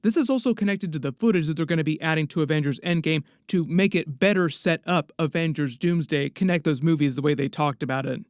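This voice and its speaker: A man's voice: a little high, fast talker, few pauses, no echo, studio quality. A man giving casual movie-news commentary in a rambling, speculative way with frequent asides.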